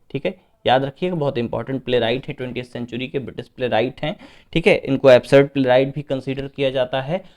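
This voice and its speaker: A man's voice: mid-range voice, a little mellow. Man tutoring exam questions in Hindi. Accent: Indian English. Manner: reads English questions slowly, explains in Hindi, keeps saying "okay". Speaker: English literature tutor. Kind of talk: exam paper solution lesson.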